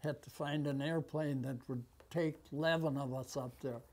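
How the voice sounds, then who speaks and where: An American man in his nineties with an aged voice, recounting memories conversationally and haltingly, with long pauses. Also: a little high, steady tone. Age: 90s. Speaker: war veteran being interviewed. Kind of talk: conversational reminiscence. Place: small office, indoors. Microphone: lapel mic.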